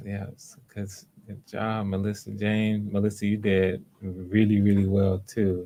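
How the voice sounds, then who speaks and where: On a livestream, a man runs voice auditions, his low voice a little mellow. He talks casually and encouragingly, often repeating phrases.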